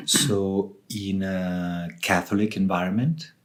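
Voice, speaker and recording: An author and ayahuasca facilitator from southern Switzerland answers as an interview guest in a low voice. He speaks very slowly and deliberately, laying out reflective thoughts in short phrases separated by pauses.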